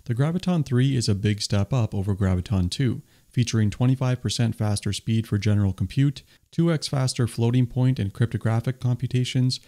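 The tech video's host, a man with a lowish, mellow voice, reads his scripted summary as voice-over with enthusiastic explanation. The audio wasn't recorded on the pictured stage.

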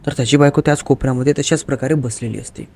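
A man's voice: mid-range voice, fairly even intonation, racing, darkish tone. A man narrating a horror story in a dramatic, vivid storytelling manner.

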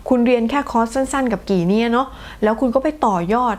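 Young female pronunciation teacher from Thailand, friendly and chatty, draws out example words slowly. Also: fairly high pitch. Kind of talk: online lesson explaining phonetics.

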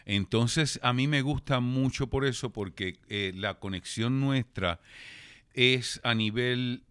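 A Puerto Rican man speaks as a guest on a studio podcast, with a mid-range, bright voice. He talks reflectively and mixes in some English words. The sound is dry and close. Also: mid-range voice, slow, clean tone, no echo. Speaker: guest, actor. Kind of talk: casual interview chat.

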